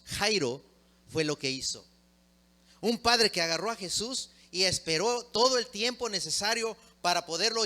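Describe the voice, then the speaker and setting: A middle-aged man preaching a sermon, swinging from loud emphatic peaks to low, quiet drops. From Mexico.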